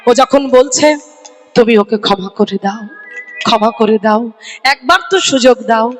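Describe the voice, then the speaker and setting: Brief: small sobbing boys, done by a woman narrator, soft whimpering pleas, music behind. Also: on the high side, unhurried, voice pushed down, lightly acted. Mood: tearful. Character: two small boy gods, tearful and pleading. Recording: echoey hall with music behind.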